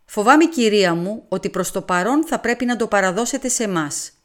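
A woman voicing a brisk, formal male police inspector who speaks firmly in a storybook reading. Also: mid-range voice, expressive, natural voice.

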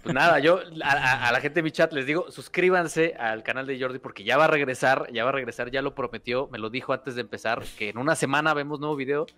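A man's voice: mid-range voice, fast, few pauses, sharp tone, dry recording. A man with a Mexican accent, hosting a livestream and wrapping up in casual chat full of fillers. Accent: Mexican Spanish. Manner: upbeat, filler-heavy wrap-up talk. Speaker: streamer host.

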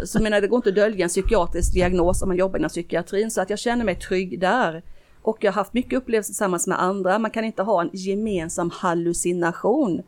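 Speaking in a mid-range, slightly mellow voice, a middle-aged female guest shares a personal story in relaxed interview conversation. She tells it earnestly, though she restarts often.

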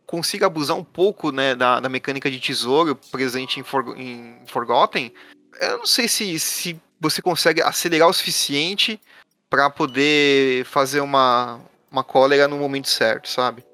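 A man's voice: mid-range voice, normal speed, sharp tone. A man with a Brazilian accent and a slight tongue-tied lisp, explaining a card game in casual, slangy talk. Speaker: podcast panelist.

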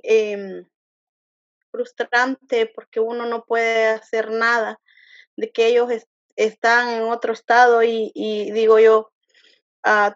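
A woman being interviewed, talking earnestly and haltingly, with frequent restarts and fillers. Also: fairly high pitch, no room sound. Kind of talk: emotional personal testimony. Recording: dull lo-fi dry sound.

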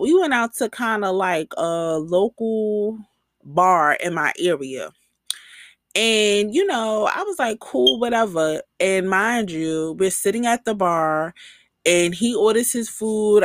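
A young woman chats candidly into a podcast mic, sassy and full of slang as she talks straight to her listeners. Her voice sits at an ordinary middle pitch, and the sound is dry and close with no room around it. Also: no echo. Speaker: podcast host. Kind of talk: casual storytelling monologue.

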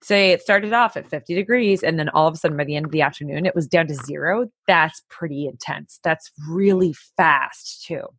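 A woman's voice: deep voice, brisk, few pauses, fairly bright tone, breathy edge, dry recording, clean studio sound. A woman co-hosting a podcast, telling a story in a casual, chatty way with many fillers. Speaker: podcast co-host. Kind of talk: casual chat.

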